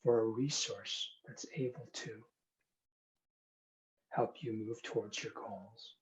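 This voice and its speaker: A man speaking as a hypnotherapist, giving soothing, unhurried, gentle instructions in guided hypnosis and explanation. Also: on the low side, fairly even intonation, poor audio. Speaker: hypnotherapist demonstrating a hand induction.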